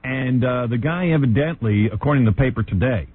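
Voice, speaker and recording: A man's voice: medium pitch, a little fast, slightly rough, dry recording. A man hosting a radio talk show, brash and wisecracking as he rambles through the story, on an old tinny broadcast recording.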